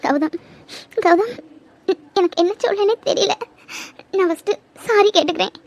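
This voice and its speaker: A woman's voice: extremely high pitch, normal speed, no room sound. A woman voicing an anxious young woman in a cartoon, pleading and tearful. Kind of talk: cartoon voice acting.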